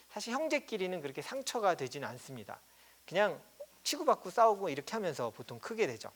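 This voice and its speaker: A middle-aged man preaching a sermon as pastor, telling a family story and acting out his children's quarrel in quoted voices. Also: high-pitched. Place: church.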